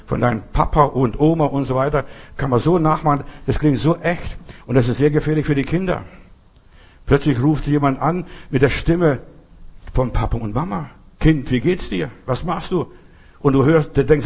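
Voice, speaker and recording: A man with a husky voice preaches a sermon to his congregation. He speaks to them directly and swings between loud, emphatic bursts and slow, quiet lines. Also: medium pitch. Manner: addresses listeners directly with "weißt du" and "verstehst du".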